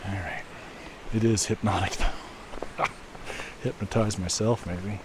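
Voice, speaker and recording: A man walking a snowy trail outdoors and chatting casually to his viewers, relaxed and musing, with a mic on the camera. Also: on the low side, slow. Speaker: walking video host. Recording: outdoor recording with stream noise.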